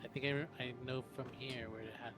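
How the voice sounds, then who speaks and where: A man's voice: medium pitch, fairly even intonation, a little fast, music in the background. A man chatting casually with friends as he plays a video game, thinking aloud as he goes. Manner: thinks aloud while playing. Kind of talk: casual gameplay chat with friends.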